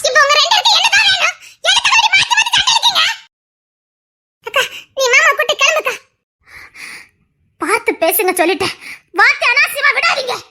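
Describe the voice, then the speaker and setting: A woman's voice: extremely high pitch, expressive, normal speed, pauses often, sharp tone, exaggerated voice. A woman voicing an indignant young wife who sharply scolds the men and defends her husband in an audio family drama.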